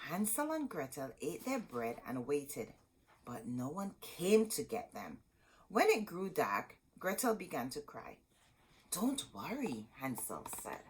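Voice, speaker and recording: This woman has a deep, husky voice, captured on a low-quality recording. Leading a storytime for kids, she reads a picture book expressively and addresses the young audience directly, her manner lively and deliberate.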